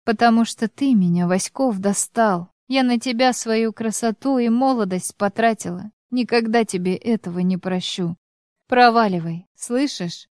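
A woman's voice: fairly high pitch, normal speed, darkish tone, no room sound, studio quality, close to an everyday voice. A woman reading a bitter, snapping ex-wife. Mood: scornful, bitter. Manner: scornful, snapping. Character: bitter, sharp-tongued ex-wife around forty.

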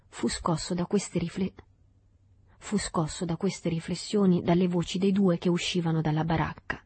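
Husky low-voiced woman reading a novel. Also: no room sound. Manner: calm, measured reading. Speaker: audiobook reader. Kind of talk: literary audiobook narration.

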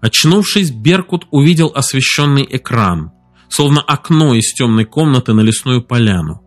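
A man narrating an audiobook in a measured, steady reading voice. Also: mid-range voice. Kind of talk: scripted narration.

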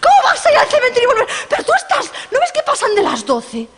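A woman voicing a group of panicked teenage girls who shriek and plead in high voices. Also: lively intonation, brisk, heavy background noise. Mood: hysterical. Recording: long hall reverb.

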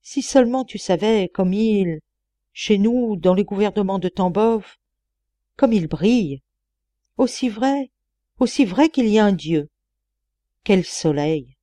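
A tiny, frail old deacon in an audiobook story, plaintive with a singing, childlike lilt. A woman reads him aloud in a mellow, dry voice. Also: medium pitch, lively intonation, slow pace, long pauses, dry recording, pitched above the performer's own voice. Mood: sing-song. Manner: plaintive, sing-song like a child.

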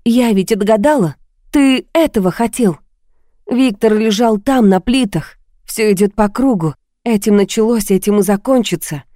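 A woman's voice: mid-range voice, moderate pace, warm tone, dry recording, clean studio sound, voice pushed up, natural voice. A woman doing a frantic, tearful young woman. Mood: hysterical. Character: desperate young woman on the edge of hysteria.

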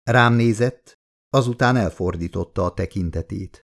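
Low, gravelly male audiobook reader. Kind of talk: first-person literary narration.

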